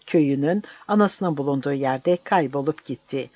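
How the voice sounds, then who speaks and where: Guy reading a story aloud, slightly higher voice, flat dull audio. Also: moderate pace, dry recording. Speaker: narrator. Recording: dull dry lo-fi recording.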